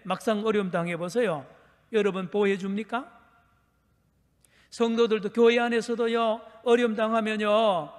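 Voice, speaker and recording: A male pastor giving a dawn sermon, asking the congregation questions and repeating key phrases for emphasis. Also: sits high. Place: church sanctuary. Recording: long church reverb.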